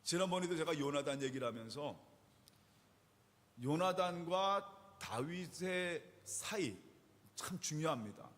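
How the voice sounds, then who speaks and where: A male pastor preaching a sermon, telling the story in an animated way with rhetorical questions to the congregation. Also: a little high, slow pace, pauses often. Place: church sanctuary. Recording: reverberant church hall.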